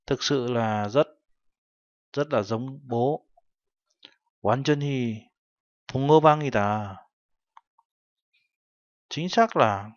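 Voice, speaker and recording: A male Korean language teacher with a mid-range voice patiently explains a textbook lesson, translating each phrase step by step. The recording is dry and sounds dull and lo-fi.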